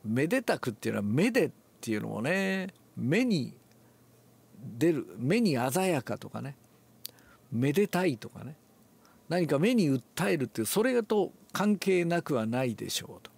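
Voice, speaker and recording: An older man, relaxed and musing aloud, explains a classical Japanese text before reading it aloud and demonstrates with his voice. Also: fairly high pitch, moderate pace, gravelly, slightly rough. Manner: relaxed, talks to himself, demonstrates accents aloud. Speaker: reading teacher.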